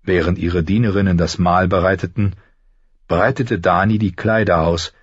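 A man narrating a story in a measured, even way with a husky voice. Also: low-pitched, no room sound. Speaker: audiobook narrator. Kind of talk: scripted narration. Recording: dry, slightly dull recording.

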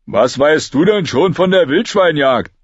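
A man's voice: fairly high pitch, expressive, unhurried, breathy edge, dry recording, highs cut off, pitched above the performer's own voice. A man voicing a timid, fretful young baker boy who whines. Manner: whining, fretful.

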